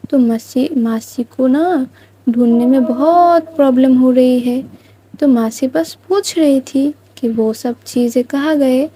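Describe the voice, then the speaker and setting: A woman as a soft, coaxing young mother. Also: high-pitched, slightly rough, no room sound, heavily acted, poor audio. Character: gentle young mother soothing her child. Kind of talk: storybook narration with voiced lines.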